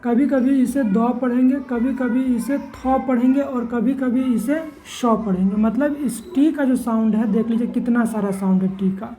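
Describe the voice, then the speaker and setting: A woman's voice: fairly high pitch, normal speed, few pauses, mellow, rough recording. A woman teaching English pronunciation, spelling words out letter by letter and asking herself questions before answering them. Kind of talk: classroom-style lesson.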